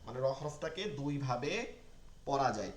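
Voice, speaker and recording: A man teaching an online Quran reading lesson, repeating key terms slowly and checking that his learners follow. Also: mid-range voice, roomy sound.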